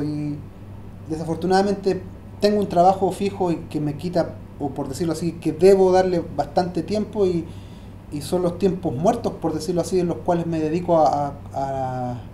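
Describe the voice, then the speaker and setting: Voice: mid-range voice, warm tone, echoey room, slight background noise. A Hebrew teacher gives a language lesson, often hesitating and repeating words while thinking aloud.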